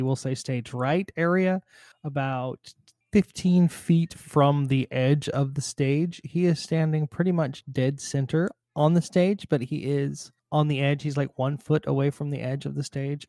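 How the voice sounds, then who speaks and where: A man's voice: mid-range voice, dry recording, studio quality. A man narrating and explaining rules as game master of a tabletop game. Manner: relaxed, chatty rules explanations.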